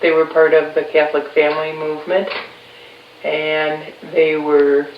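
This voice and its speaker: A woman in her fifties from Chicago, recalling her childhood in a relaxed family interview with pauses. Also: low-pitched. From Chicago, USA. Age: 50s. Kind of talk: casual recorded family interview. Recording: roomy, distant, dull, faint hiss.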